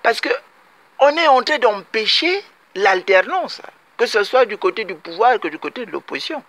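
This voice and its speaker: Emphatic man from Congo-Brazzaville, lively pitch. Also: normal speed. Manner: emphatic, repetitive, addresses compatriots directly. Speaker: political commentator. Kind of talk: political commentary monologue.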